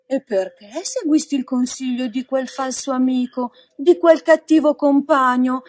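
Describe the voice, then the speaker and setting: A woman voicing a kindly female marmot in a storybook reading, speaking softly, patiently and consolingly. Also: high-pitched, a little slow, no echo, studio quality, pitched above the performer's own voice. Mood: solemn.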